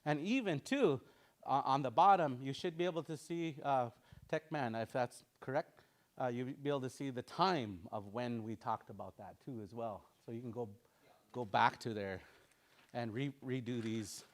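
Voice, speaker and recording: Speaking at a normal speed in a mid-range voice, this online language teacher repeats vocabulary over and over. He keeps the lesson loose and casual, laughing frequently.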